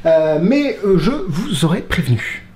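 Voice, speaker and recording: A man reviews a magic trick in a casual, exasperated way, swearing and laughing along. His pitch leaps around a lot. The room gives his voice a clear echo. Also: very animated, unhurried, darkish tone. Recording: roomy echo.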